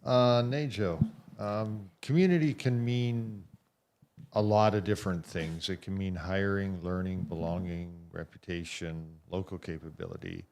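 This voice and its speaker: A man's voice: low-pitched, steady tone, a little slow, vocal fry, darkish tone, a little hiss or hum. A man moderating a live conference panel, asking questions in an easygoing, teasing way.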